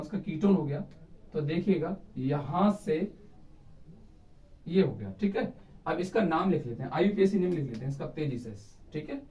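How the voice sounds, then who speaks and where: A man with a high voice teaches a chemistry lesson at a board, often pausing to ask his students whether they follow. He sounds far from the microphone in a roomy space, and the recording is dull and lo-fi. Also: warm tone. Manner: repeats checks like "clear?" and "theek hai", counting carbons aloud.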